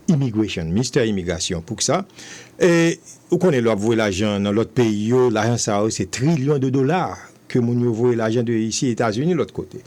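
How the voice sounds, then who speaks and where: A man's voice: mid-range voice, a little mellow. A man, a radio host recapping his guest's points in a casual, hesitant way. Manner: brief affirmations, then switches to Haitian Creole and French to recap. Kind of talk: radio interview.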